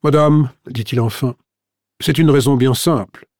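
A man's voice: medium pitch, a little slow, darkish tone, no echo, natural voice. A man voicing a pompous, self-important middle-aged police commissioner in an audiobook. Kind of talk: audiobook character voice. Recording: dry studio recording.

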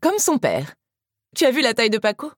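A woman narrator voicing a lively young woman who teases her brother, in a higher voice than her narration. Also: brisk, no echo, studio quality. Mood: teasing.

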